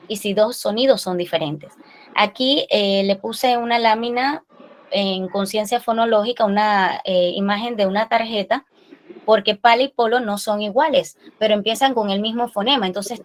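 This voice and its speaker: A woman's voice: mid-range voice, low-quality recording. A woman giving a slide-based lecture as a speech therapist, explaining step by step and often checking with the listeners. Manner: explanatory, frequent rhetorical "¿verdad?" checks.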